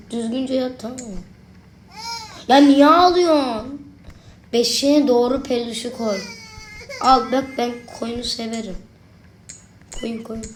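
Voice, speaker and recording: A young woman with a slightly high voice gives let's-play commentary into a desk mic. She is chatty and jumpy, and she keeps talking back to the game. A faint hum sits under her voice. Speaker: gaming video creator.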